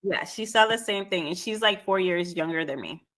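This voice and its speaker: A woman from Trinidad, a spiritual alignment coach, answering interview questions in a measured way with frequent ums. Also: on the low side, fairly bright tone. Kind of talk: podcast guest interview.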